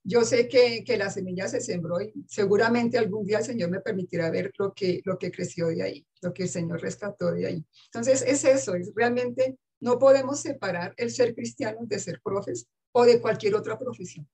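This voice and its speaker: A woman, an English teacher telling stories earnestly in a casual interview, with soft laughs. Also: mid-range voice, moderate pace, few pauses, husky.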